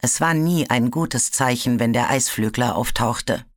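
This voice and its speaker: An audiobook narrator reading a fantasy story in a steady storytelling manner. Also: medium pitch, measured pace, no room sound, clean studio sound.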